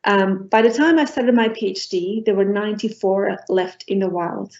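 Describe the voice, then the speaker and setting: A middle-aged woman from Portugal delivers an academic lecture at a mid-range pitch. She talks haltingly, filling gaps with ums and restarting phrases. The recording sounds dull and lo-fi. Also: gravelly, a little mellow. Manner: hesitant, many ums and restarts. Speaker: professor giving a talk.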